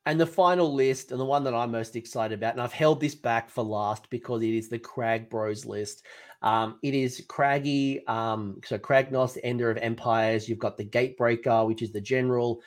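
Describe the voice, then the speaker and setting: A man's voice: medium pitch, steady tone, normal speed. A man co-hosting a casual gaming chat, rambling with many fillers and restarts, and losing his voice. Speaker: co-host of a tabletop wargame talk show.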